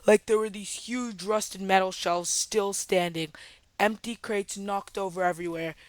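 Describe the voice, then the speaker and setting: A woman's voice: medium pitch, steady tone, unhurried, dry recording. A woman telling a story in a storytime vlog, in a dramatic, chatty way that speaks straight to viewers. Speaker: storytime vlogger.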